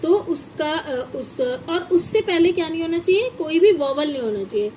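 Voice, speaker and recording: A woman's voice: sits high, lively intonation, normal speed, darkish tone, slight background noise, poor audio. A woman teaching a phonics lesson to children, spelling words out letter by letter and asking them questions. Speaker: English teacher.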